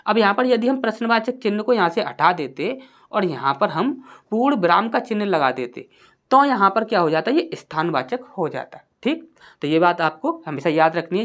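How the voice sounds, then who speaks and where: A woman teaching a grammar lesson for exam prep. She asks questions and answers them herself, and reads example sentences slowly and deliberately. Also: lowish voice.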